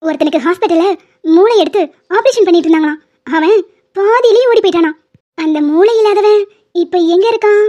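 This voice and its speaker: A woman's voice: very high-pitched, fairly quick, warm tone. A woman voicing a young woman patient in a cartoon drama, teasing and chatty as she jokes with her family before surgery. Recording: dull lo-fi sound.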